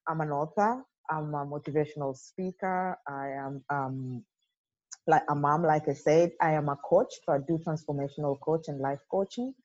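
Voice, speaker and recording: A woman's voice: deep voice, normal speed, a little mellow. Earnest woman from Kenya on muffled audio. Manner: earnest, reflective with many fillers. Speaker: podcast guest. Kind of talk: casual interview.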